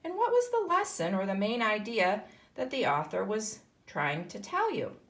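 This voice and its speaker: A woman teaching kindergarten reads a picture book to young children at a moderate pace, her medium-pitched, slightly bright voice very animated. She explains as she reads and asks the children questions.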